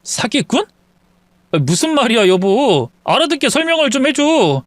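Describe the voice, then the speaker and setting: A man's voice: very high voice, very animated, normal speed, dry recording, pitched above the performer's own voice. A man playing a groveling, lying young husband. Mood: pleading. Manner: pleading, stammering excuses.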